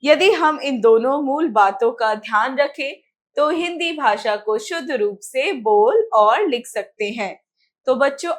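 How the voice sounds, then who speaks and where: A woman teaching a grammar lesson to young children, explaining step by step. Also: fairly high pitch.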